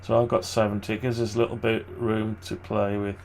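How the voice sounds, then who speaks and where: A man with a groggy, gravelly morning voice and vocal fry endings, giving casual, hesitant think-aloud commentary on his screen work. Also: fairly low pitch, level tone, brisk, a little mellow, a little hiss or hum. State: groggy morning voice, clearing throat. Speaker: maker narrating a design tutorial.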